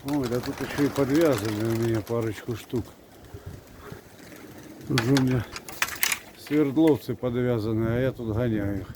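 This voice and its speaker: A man's voice: medium pitch, moderate pace, long pauses. A man muttering fragmented, casual running remarks outdoors for a pigeon-keeping vlog, with wind hitting the microphone. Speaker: pigeon keeper. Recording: wind on mic, clear outdoor noise. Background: wind, pigeons and birds.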